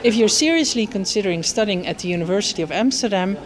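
A woman's voice: medium pitch, animated, fast, a crowd in the background. A middle-aged woman from student services, directly inviting listeners to visit. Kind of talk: promotional invitation.

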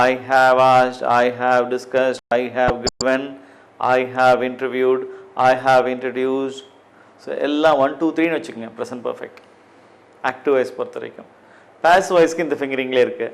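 Slow, deliberate Tamil-accented male teacher. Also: mid-range voice. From Tamil Nadu, India. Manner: slow and deliberate, drills English phrases one by one. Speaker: English teacher. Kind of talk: spoken grammar lesson.

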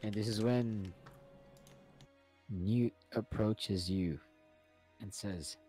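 A man narrating a tabletop role-playing game as game master, in a slow, unhurried way. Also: fairly low pitch, mellow, faint music behind.

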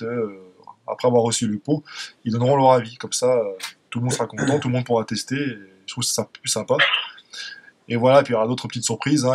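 A man's voice: medium pitch, breathy edge. A man with an accent from France, hosting a fitness podcast in a casual, conversational way. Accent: French, from France. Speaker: podcast host.

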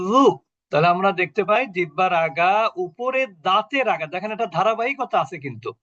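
A man teaching an online tajweed class, slowly repeating syllables and asking questions he then answers himself. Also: high voice, a bit bright, no echo, muffled recording. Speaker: Quran recitation teacher. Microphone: video call.

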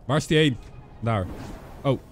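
A man's voice: mid-range voice, expressive, unhurried, a little hiss or hum. A young man with a stuffy nose from a cold gives casual gaming commentary on a close mic, mixing in English slang. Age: young adult. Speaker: streamer. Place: indoor streaming setup. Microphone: close boom microphone.

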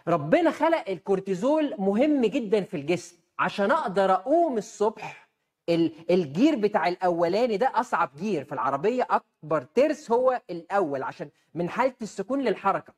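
An Egyptian-accented woman doctor talks through her health advice at a rapid clip. Her voice sits in a middle register, and she keeps throwing out rhetorical questions and answering them herself with emphatic force. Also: medium pitch, big pitch swings, darkish tone, slightly rough. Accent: Egyptian Arabic.

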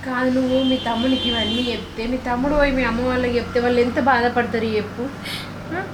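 A woman's voice: on the high side, steady tone, fast, roomy sound, background noise, natural voice. A woman playing a caring young sister-in-law. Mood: urgent consoling. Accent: Telangana Telugu. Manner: consoling, coaxing, with many questions. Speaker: actor in a village short film. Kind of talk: village drama acting.

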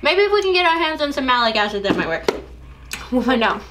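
Chatty woman hosting, high voice. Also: very animated, fast talker, a bit bright. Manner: chatty and explaining. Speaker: host. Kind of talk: casual chat.

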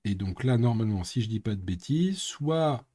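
A man's voice: fairly low pitch, expressive, normal speed, dark tone. A man streaming live coding, thinking aloud and muttering with playful sound effects. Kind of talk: casual live coding commentary.

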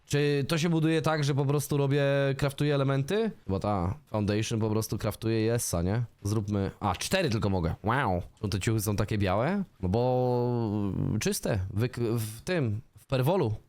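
A young man casually commenting on his own gameplay, chatty and swearing often, sometimes shouting in panic. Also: medium pitch, moderate pace, few pauses, no echo. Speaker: gaming streamer. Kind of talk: casual let's-play commentary.

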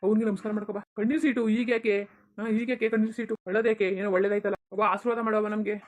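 A headstrong young son in a village cartoon, voiced by a woman, arguing back hard. He speaks very fast, in a mid-pitched voice. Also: steady tone, natural voice. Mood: affectionate. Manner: argumentative, insistent. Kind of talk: cartoon dubbing.

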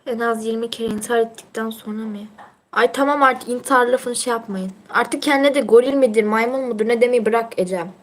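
A woman's voice: a little high, brisk. Chatty teenage girl livestreaming. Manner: chatty and teasing, laughs often. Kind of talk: casual livestream chat, reading out viewer comments.

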